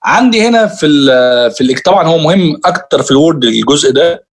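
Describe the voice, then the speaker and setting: A man's voice: fairly high pitch, lively intonation, quick pace. A man with an Egyptian Arabic accent teaching a computer lesson, explaining each step and addressing his students directly. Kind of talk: screen-share tutorial lesson.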